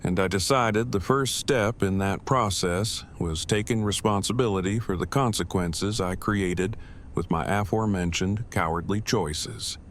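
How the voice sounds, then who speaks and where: Audio drama part: nerdy, deadpan man male actor, lowish pitch, stiffly formal and long-winded, some ambience. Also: unhurried, natural voice. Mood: earnest, measured. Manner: stilted, wordy, formal, deadpan. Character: Eugene, formal, verbose, earnest nerdy man. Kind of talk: acted audio drama dialogue. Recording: faint background ambient noise.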